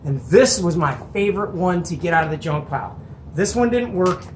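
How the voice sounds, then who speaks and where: An enthusiastic show-and-tell host chats casually in a medium-pitched voice, folksy and colloquial, as if talking to viewers over a workbench. He is expressive and a little fast. The room echoes, with faint noise behind.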